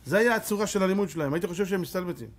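A middle-aged man, a rabbi, giving a Torah lesson as an animated storyteller who acts out voices. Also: sits high, background noise.

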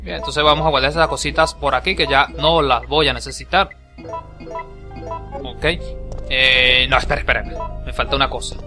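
Excitable man playing a game. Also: mid-range voice, moderate pace. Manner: excitable, swears and yelps when attacked. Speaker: gameplay commentator. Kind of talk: let's play commentary. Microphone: home voice recording over game capture. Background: game music.

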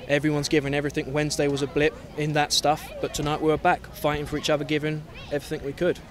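Fast-talking male coach, steady flat tone. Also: on the high side. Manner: candid, reflective, many restarts. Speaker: head coach. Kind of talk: post-game interview. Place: outdoors at a floodlit field at night. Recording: stadium crowd behind.

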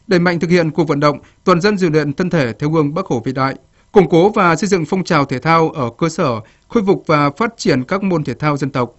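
A man reads a scripted local news report in a steady, formal cadence, his voice sitting a little higher than most. The broadcast audio sounds dull and lo-fi. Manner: steady formal read with measured list cadence.

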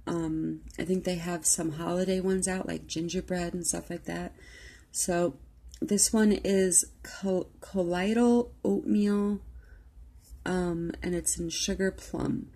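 A woman's voice: fairly low pitch, steady tone, slow pace, creaky, mellow, breathy edge. A woman vlogger chatting casually through a product haul, rambling with lots of "um" and "like". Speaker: beauty vlogger.

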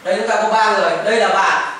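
Very fast and sharp-toned, this man's high voice keeps a fairly even intonation as he patiently teaches grammar, repeating examples and slipping in English phrases. The recording comes from far off in an echoey classroom with faint noise, and children chime in.

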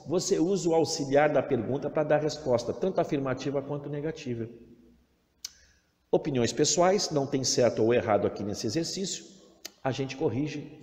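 A middle-aged man with a Brazilian Portuguese accent teaching a recorded English lesson to children, patient and encouraging. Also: medium pitch. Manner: patient, encouraging, reads English sentences slowly and loudly. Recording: roomy echo, long reverb.

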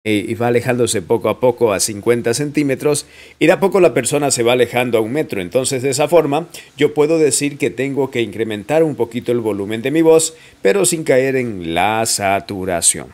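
A man's voice: medium pitch, animated, a little fast, darkish tone. Chatty man teaching audio recording. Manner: chatty, asks listeners questions, laughs often. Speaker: audio editing instructor. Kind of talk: casual screen-recorded tutorial. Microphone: studio microphone at close range.

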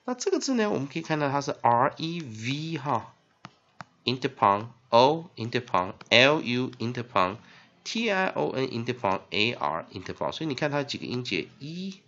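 Gravelly-voiced male phonics teacher. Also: mid-range voice, moderate pace. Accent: Taiwanese Mandarin. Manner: spells words letter by letter, heavy fillers, lively emphasis. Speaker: English spelling teacher. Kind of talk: classroom-style phonics lesson. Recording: dull lo-fi recording.

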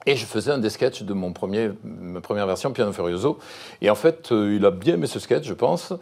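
Fast-talking man, low voice. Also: creaky. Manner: lively, fast, restarts mid-sentence. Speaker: guest, musician and comedian. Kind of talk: casual TV interview.

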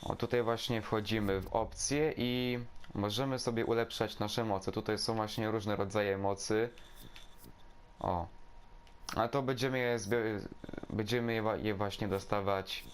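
A man with a lowish voice talks through a video game he is playing. His delivery is casual and halting, repeating words as he searches for the next one. Faint game noise sits behind him. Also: fairly even intonation. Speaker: gameplay video host. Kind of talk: casual gameplay commentary. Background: video game sound.

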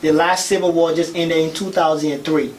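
An earnest young man from Liberia speaks as a guest in a small radio studio, repeating phrases for emphasis. His voice sits high. A faint hiss runs beneath it. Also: fairly even intonation, fairly quick, rough recording. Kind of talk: radio talk show interview. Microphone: studio boom mic.

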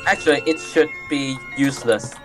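A co-player in a casual gameplay chat who talks hesitantly, with many ums and quick corrections. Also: mid-range voice, over music.

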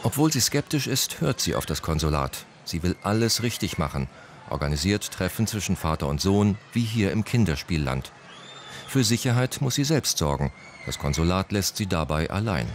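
A man reading a scripted news voice-over in a measured, even way. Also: low-pitched, a little hiss or hum. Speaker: news narrator.

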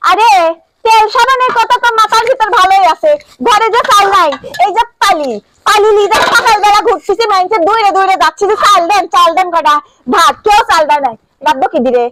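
An actress playing a sharp-tongued village wife who scolds her husband in rapid bursts, in a comic short film. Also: extremely high pitch, background noise. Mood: scolding.

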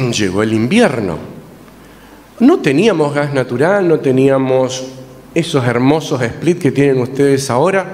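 A man telling an interactive story to children at church, coaxing them to repeat lines after him. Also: on the high side. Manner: lively, coaxes the audience to repeat lines. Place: church hall. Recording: distant voice in a reverberant hall with faint noise.

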